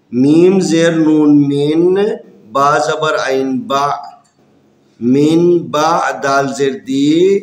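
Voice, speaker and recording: A man with a Pakistani Urdu accent, teaching Quran reading in a slow lesson where he spells out letters and vowel marks one by one. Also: medium pitch, reverberant.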